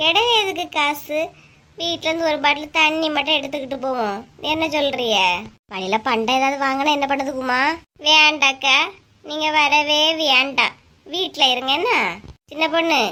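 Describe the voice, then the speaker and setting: A high-pitched, chatty village neighbor in a cartoon, voiced by a woman. She gossips and teases in a broad Kanyakumari Tamil accent, trading quick remarks. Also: sharp tone. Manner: chatty, teasing, rapid back-and-forth. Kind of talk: cartoon voice acting.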